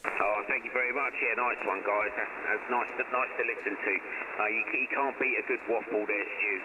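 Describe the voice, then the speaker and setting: A man's voice: lowish voice, fairly even intonation, a little fast, highs cut off, noisy background. A man running a ham radio net, calling stations over the air using call-sign phonetics. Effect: received over shortwave radio. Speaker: net controller.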